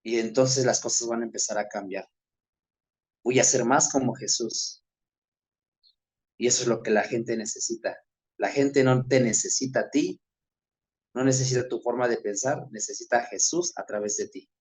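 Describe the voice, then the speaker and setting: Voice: medium pitch, breathy edge. Devotional preacher, 30s-40s, fervent and repetitive, stumbles into restarts and climbs to emphatic peaks. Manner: impassioned, with stammered restarts and repeated phrases; builds to emphatic peaks, then slows into quiet prayer. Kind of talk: devotional sermon and prayer.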